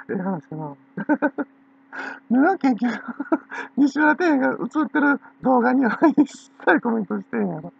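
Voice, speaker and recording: A woman's voice: on the high side, big pitch swings, a little slow, creaky, long pauses, breathy edge. A woman with a Kansai accent rambling in a gossipy, teasing way and breaking into laughter again and again. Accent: Kansai Japanese. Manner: giggly, keeps breaking into laughter. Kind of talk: rambling casual monologue. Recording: dull lo-fi recording.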